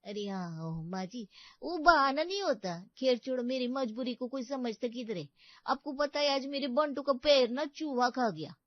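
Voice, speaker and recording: A woman voicing a simple, innocent young maid in a cartoon story, talking in plain, childlike colloquial speech. The voice sits fairly high and sounds dry and a little dull. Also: moderate pace, no echo, natural voice. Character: naive, childlike young female house maid. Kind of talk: animated story voice acting.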